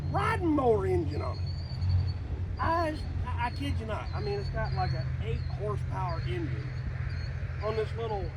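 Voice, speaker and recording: A man chatting in a folksy, rambling, joking way for a casual comedic vlog, recorded outdoors in a rural yard. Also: sits high. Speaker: video creator. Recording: loud outdoor background noise.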